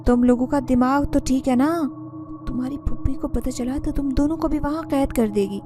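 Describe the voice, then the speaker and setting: A woman's voice: sits high, moderate pace, music in the background, lightly acted. A woman voicing a stern, scolding old female housekeeper in a spoken story. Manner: scolding, raised voice.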